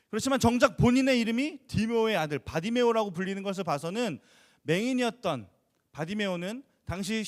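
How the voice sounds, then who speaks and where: A man preaching a storytelling sermon at a church youth service, asking the listeners questions. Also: sits high. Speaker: youth pastor.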